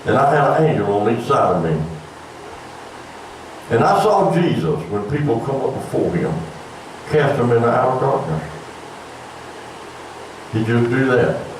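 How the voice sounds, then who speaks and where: Older preacher in an echoey hall. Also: male voice, medium pitch, big pitch swings, measured pace, long pauses. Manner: folksy, conversational preaching with rising emphatic bursts. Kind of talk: sermon. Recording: echoey church room from far off, faint room noise.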